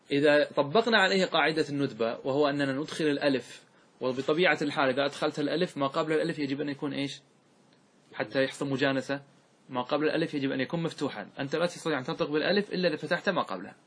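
A man with a slightly high, husky voice lectures on grammar to a class. He quizzes his students again and again, repeats each key point, and stretches the example words out syllable by syllable. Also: rapid-fire, a bit bright. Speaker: Arabic grammar teacher.

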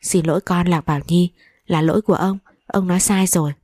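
A grumbling, stern old grandfather from an audio story, read aloud by a woman. The voice sits low and mellow, a little husky, recorded close and dry. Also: fairly even intonation, fairly quick, dry recording, lightly acted. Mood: soothing. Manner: grumbling, scolding.

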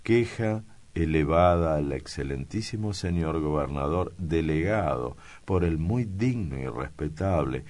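A man's voice: rumbling low, expressive, measured pace, hardly any pauses, darkish tone. A man voicing a timid old male secretary who speaks in ornate, obsequious phrases. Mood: fussy.

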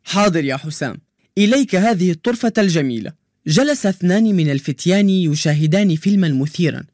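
A playful young male joke-teller from a children's radio drama. His voice sits high and the sound is close and dry, without room echo. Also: a little mellow. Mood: cheerful. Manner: cheerful, playful storyteller. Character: cheerful joke-telling young male quiz contestant. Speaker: radio show character who answers quizzes and tells jokes.

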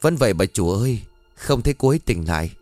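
A loyal, fussy middle-aged maid, voiced by a male storyteller, chiding and reassuring in a low voice. The recording is dry and close, with soft music behind. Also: big pitch swings, fast talker, no room sound. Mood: fussing, reassuring.

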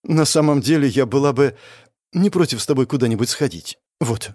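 A man's voice: mid-range voice, expressive, a little fast, a little mellow, dry recording, close to an everyday voice. A man voicing a shy, flustered young woman in an audiobook, mumbling in embarrassment.

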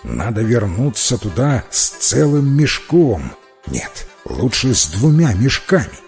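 A man's voice: mid-range voice, very animated, takes it slowly, creaky, a little mellow, soft background music, full character voice. A man voicing a greedy young fellow who longs for more gold. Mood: greedy longing. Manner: eager, longing.

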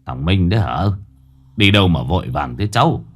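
A man voicing an old village man who speaks with gruff urgency. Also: extremely low pitch, very animated, moderate pace, a little mellow, voice pushed down, exaggerated voice. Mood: concerned.

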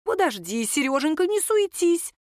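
Woman doing a high-voiced coaxing older mother-in-law. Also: very animated, normal speed, no echo, clean studio sound. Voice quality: high, breaking voice. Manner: soft, ingratiating.

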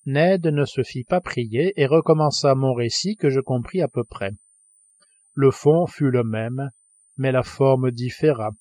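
A man's voice: medium pitch, a little slow, darkish tone, dry recording. Male audiobook narrator, dry close sound. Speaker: audiobook reader.

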